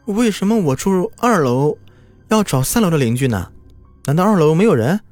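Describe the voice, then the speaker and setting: A weary young woman clerk, voiced by a male narrator, asks nervous questions in a raised, bouncy tone. Quiet music runs beneath her lines in the audio story. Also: fairly high pitch, very animated, moderate pace, no echo, pitched above the performer's own voice. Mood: curious. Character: young female office worker, timid and weary.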